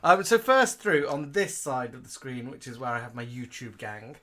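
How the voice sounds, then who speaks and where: Man, forties, camp and chatty, reads out viewer comments, average pitch. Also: sing-song, normal speed, sharp tone. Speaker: co-host of a live stream. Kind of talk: casual live-stream chat reading viewer comments.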